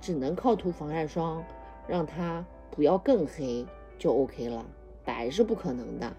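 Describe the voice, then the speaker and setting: A woman's voice: sits low, unhurried. A mother chatting at bedtime with her young daughter, teasing her playfully, laughing often and soothing her. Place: home at bedtime. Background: soft music she plays.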